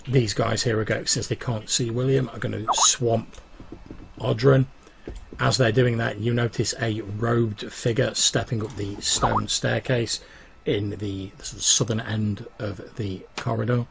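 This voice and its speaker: A man acting as game master, narrating a tabletop game in a halting, improvised way. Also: fairly low pitch, little pitch movement, creaky, noisy background.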